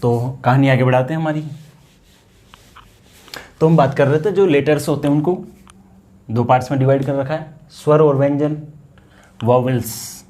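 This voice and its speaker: A man's voice: mid-range voice, fairly even intonation, moderate pace, long pauses, darkish tone. A man with an Indian accent teaching English grammar in a lesson, asking questions and answering them himself and repeating key words. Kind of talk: classroom-style grammar lesson.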